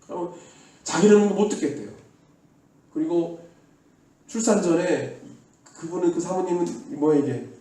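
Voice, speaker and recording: A man preaches a sermon in a warm, mellow voice, urging his listeners earnestly and having them repeat his words. He sounds far from the mic. The church hall around him echoes heavily. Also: sits high, a little slow, pauses often. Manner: earnest exhortation, leads the congregation in call-and-response. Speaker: pastor. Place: church sanctuary.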